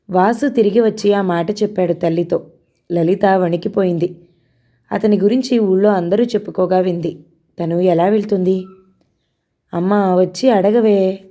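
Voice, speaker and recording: A woman narrating an audio novel in a steady storytelling manner. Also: on the low side.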